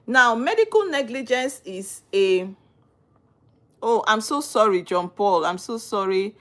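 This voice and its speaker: Speaking with a Nigerian accent, a young woman from Nigeria runs a legal-topics livestream, responding to viewer comments, greeting people by name and asking earnest rhetorical questions. Her voice is on the high side, a bit bright, lively in intonation and measured in pace.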